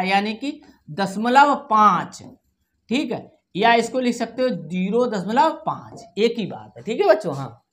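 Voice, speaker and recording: A woman teaching a primary school maths lesson to children, patiently repeating each number digit by digit and often checking whether they follow. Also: on the high side. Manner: keeps checking in with "theek hai".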